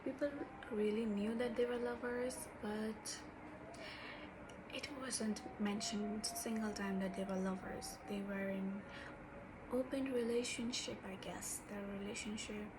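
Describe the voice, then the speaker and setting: Woman, Bengali accent, unhurried and halting book chat, self-deprecating, medium pitch, clear background noise. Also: fairly even intonation. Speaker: book reviewer. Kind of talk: casual unscripted book chat.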